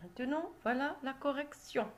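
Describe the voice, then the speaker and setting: A woman teacher going slowly through reading exercises with young pupils, carefully sounding out syllables and letters. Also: sits high. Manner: slow, careful, spells out syllables. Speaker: primary school teacher. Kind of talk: reading lesson, exercise correction.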